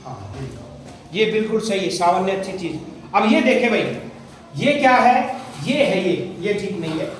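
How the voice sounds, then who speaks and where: A male schoolteacher leads his class in call-and-response, asking questions and repeating the answers back to them. He sounds distant from the mic in a heavily echoing classroom. Steady background noise sits under his voice. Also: sits high, unhurried. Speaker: primary school teacher. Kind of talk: classroom teaching. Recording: very echoey classroom, far from mic, noisy.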